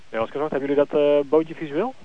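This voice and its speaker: Coast guard operator over crackly radio. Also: male voice, a little high, steady tone, racing. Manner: formal call-and-confirm phrasing with frequent hesitations. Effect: crackly radio transmission. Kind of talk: marine radio procedure. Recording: tinny radio with static hiss.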